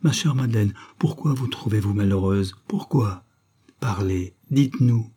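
An anxious young captain speaks in a read-aloud novel, sad and baffled. A man voices him in a low, husky, dark voice. He sounds pleading, not loud. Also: unhurried. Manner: bewildered, sad. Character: anxious young male army captain in love.

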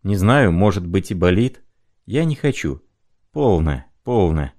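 A man reading aloud, voicing a weak, lovesick young man who speaks in a halting, breathless, dazed way. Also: low voice, sing-song, a little mellow, full character voice. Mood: feverish.

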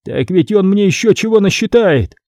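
A man voicing a poor, one-eyed peasant who pleads in a trembling voice and shouts bitterly. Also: fairly high pitch, expressive, moderate pace, no echo, clean studio sound, pitched above the performer's own voice.

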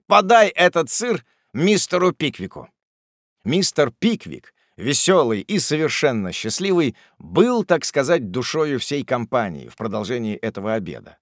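Man, audiobook narration, classic novel, lively swooping delivery, dry sound. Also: medium pitch, no echo. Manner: animated, theatrical storytelling.

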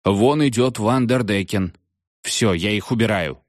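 A man's voice: on the low side, measured pace, no room sound, clean studio sound, voice pushed up, close to an everyday voice. A man doing a nervous, shaky schoolboy. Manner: shaky and squealing. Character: nervous schoolboy trying to banish ghosts.

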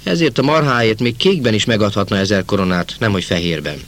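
A man narrating a novel as an audiobook, in a measured first-person storytelling manner. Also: on the low side, a bit bright, slight background noise. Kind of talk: novel reading.

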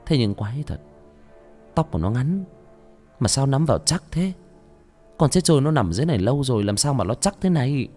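A man's voice: mid-range voice, a little fast, long pauses. A man narrating a horror audiobook expressively, then chatting casually with his listeners as host, with faint music behind. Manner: expressive, dramatic storytelling.

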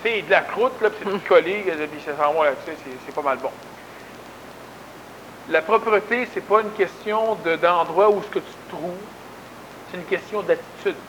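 A man's voice: high-pitched, moderate pace, a bit bright, slight background noise, rough recording. A man with a Québécois accent giving a folksy, emphatic conversational talk, often repeating words for stress. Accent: Québécois French. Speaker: spiritual lecturer. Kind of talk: conversational lecture.

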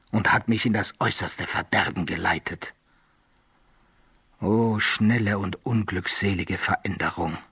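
Slow, rueful luckless adventurer. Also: male voice, medium pitch, breathy edge, no echo, studio quality. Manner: measured, literary, self-mocking delivery in archaic German. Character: luckless male adventurer recounting his own downfall. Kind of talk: German radio play monologue.

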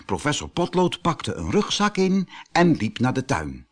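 Man reading a children's story, very expressive. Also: on the high side, measured pace. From Netherlands. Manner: lively, expressive read-aloud for children. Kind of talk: audiobook fairy tale narration.

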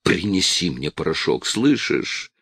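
A man voicing a desperate, tearful eighteen-year-old male addict who shouts and pleads with his father, in a dry, close recording. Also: low voice, very animated, unhurried, gravelly, no echo, pitched below the performer's own voice, full character voice. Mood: agitated.

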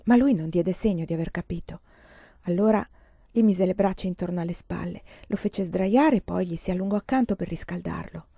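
A woman reading a novel aloud in an expressive, measured audiobook narration. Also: lowish voice, creaky, slightly rough, no room sound. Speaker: reader. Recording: dull, lo-fi recording.

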